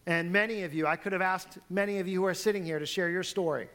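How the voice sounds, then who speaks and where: A man's voice: high voice, steady tone, fast talker, fairly bright tone. A man who is a pastor, giving church announcements and introducing speakers in a conversational way with frequent fillers. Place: church sanctuary.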